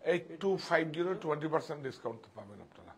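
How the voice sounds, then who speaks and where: A man's voice: on the high side, big pitch swings, rapid-fire, slight background noise. Chatty man selling saris live. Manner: chatty, showing saris and directing helpers off to the side. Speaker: sari seller on a live sale. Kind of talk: live sales stream.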